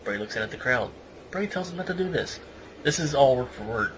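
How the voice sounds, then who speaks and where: Here the podcast host reads out a match report briskly, his mid-range voice full of lively intonation as he slips in wry comments. It's a casual show, and the amateur recording is noisy.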